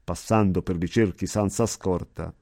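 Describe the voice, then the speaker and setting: A man voicing a wise old male poet guide, speaking in calm, measured verse. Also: deep voice, dry recording, clean studio sound. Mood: reassuring. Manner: measured, solemn recitation of verse.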